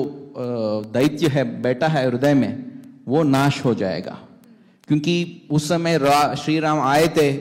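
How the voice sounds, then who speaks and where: A middle-aged man, a panel guest, giving a spiritual talk on a TV stage, halting often and mixing in English words, speaking into a handheld mic. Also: mid-range voice, a little mellow. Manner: halting, many restarts, mixes English words. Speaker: panel guest, temple vice-president. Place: large stage hall with audience. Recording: long hall reverb.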